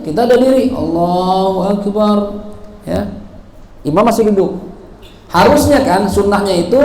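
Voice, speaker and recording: Male religious teacher, high voice, playful sermon style, recorded in an echoey prayer hall with faint room noise. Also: a little mellow. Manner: playful, acts out examples, laughs often.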